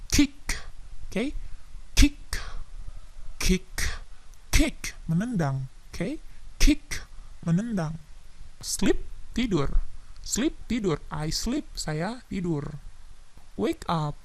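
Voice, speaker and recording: Slow-drilling female English teacher. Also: on the low side, darkish tone. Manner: slow, repetitive drilling, stresses plosive sounds. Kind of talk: vocabulary drill lesson.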